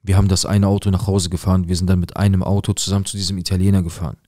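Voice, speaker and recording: Deep-voiced man telling a tense story. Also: flat delivery, very fast, warm tone, no room sound, clean studio sound. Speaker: storyteller recounting a viewer's story. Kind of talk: dramatic first-person storytelling.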